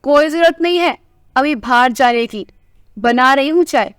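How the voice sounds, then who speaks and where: A woman's voice: high voice, a little slow, no echo, clean studio sound. A woman doing a scolding older wife. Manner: scolding, tart. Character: sharp-tongued older wife, caring underneath.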